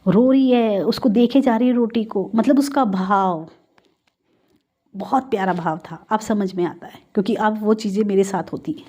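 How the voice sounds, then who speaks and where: In a husky, dark, medium-pitched voice, a woman tells a congregation her testimony at a moderate pace. Her heartfelt account is chatty and often aimed straight at listeners, with casual Hindi-English mixing throughout.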